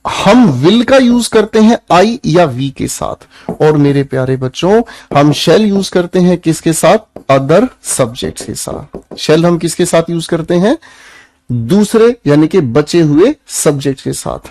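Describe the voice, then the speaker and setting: This young Indian man's fairly high, slightly mellow voice moves slowly but with lively intonation as he lectures an online class on English grammar in Hindi. Firm and preachy, he addresses his students as children, calling them "beta," and keeps asking them questions. No room sound is audible.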